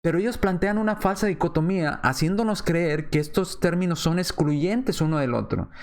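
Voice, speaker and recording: A man preacher giving an apologetics lesson, methodical, asking rhetorical questions and repeating his points slowly. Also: high voice, darkish tone.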